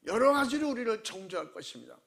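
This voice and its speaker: A man pastor preaching a sermon, animated and acting out quoted voices with shouts. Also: high-pitched, fast, creaky.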